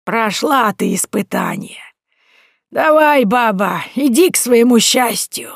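A woman voicing an elderly village woman over 60, detached and then mockingly knowing, with a slow, rattling voice. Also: on the high side, expressive, gravelly, no room sound, studio quality, voice pushed up, full character voice. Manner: slow, drawn-out delivery.

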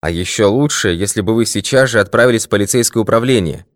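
A male audiobook reader voicing a calm, confident middle-aged detective in a composed, measured tone. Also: on the low side, no echo, clean studio sound, voice pushed up, lightly acted. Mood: assured. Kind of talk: audiobook character voice.

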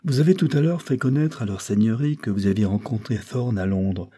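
A man's voice: fairly low pitch, fairly quick, warm tone, husky. A man voicing a sly barrister who coaxes and needles a witness in an audiobook. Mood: coaxing. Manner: coaxing and wheedling. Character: sly, insinuating male barrister.

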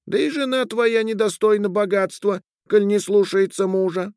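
A man's voice: sits high, steady tone, moderate pace, darkish tone, smooth, no room sound, clean studio sound, voice pushed up. A man voicing a small, stern male house spirit who speaks in a thin voice and delivers solemn, reproachful pronouncements in a storybook reading.

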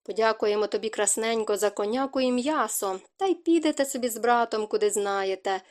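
A woman's voice: on the high side, brisk, darkish tone, lightly acted. A woman reading an audiobook voices a tall, blunt female outlaw who gives mocking commands. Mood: commanding.

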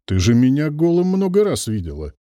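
A puzzled, offhand young man from an audiobook fantasy, speaking casually, as the narrator reads him. The voice is mellow and dark, heard dry and close. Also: a little high, huge pitch swings, fairly quick, no echo, voice pushed up.

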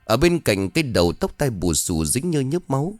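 A man's voice: medium pitch, sing-song, moderate pace, darkish tone, dry recording, clean studio sound. A man narrating a horror story in a dramatic, tension-building way.

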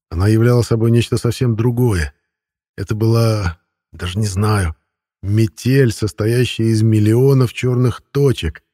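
A man's voice: fairly low pitch, warm tone, no room sound, clean studio sound. A man narrating a first-person audiobook in a wry, conversational storytelling manner.

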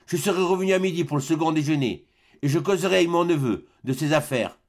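Guy reading as a stingy old winegrower, calm and curt, cold. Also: on the high side, fast talker, natural voice. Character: stern miserly old male winegrower.

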